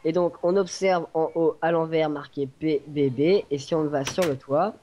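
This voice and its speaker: A man's voice: fairly high pitch, fairly even intonation, normal speed, warm tone. A man giving a casual, hesitant walkthrough tour of a game server, often searching for words. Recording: dull lo-fi home recording.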